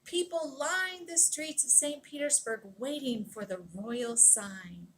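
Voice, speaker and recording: A woman with a high-sitting voice reads a children's picture book aloud at a slow pace. She tells the story in an expressive, dramatic way, leaning on key words and drawing them out.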